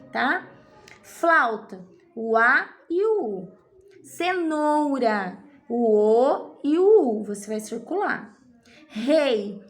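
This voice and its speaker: A woman's voice: a little high, slight background noise. A woman teacher guiding young children through a worksheet, patiently drawing out key words and checking in often. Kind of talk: primary school lesson walkthrough.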